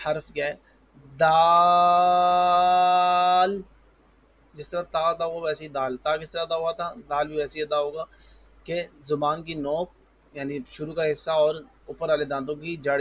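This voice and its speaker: Man teaching letters with drawn-out calls. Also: a little high, flat delivery. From Pakistan. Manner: says each letter slowly and loudly, then explains softly; patient, repeats "ji" and "parh lijiye". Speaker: Quran teacher. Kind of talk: alphabet lesson.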